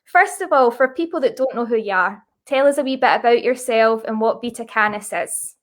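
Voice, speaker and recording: Bubbly high-voiced Scottish woman host. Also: brisk. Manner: bubbly, chatty, self-deprecating. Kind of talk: casual interview chat. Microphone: video call.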